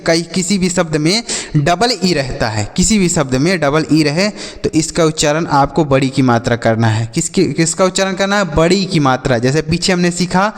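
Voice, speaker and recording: Patient male teacher in a reverberant room. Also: a little high. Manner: patient, repetitive, asks questions and answers them himself. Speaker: English teacher. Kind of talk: phonics lesson for children.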